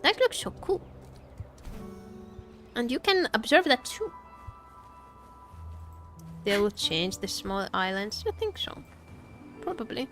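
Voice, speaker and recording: A slightly high, sing-song voice with a fairly bright tone belongs to a woman streaming a video game. She talks casually and playfully with her viewers, exclaiming and joking readily, over background music.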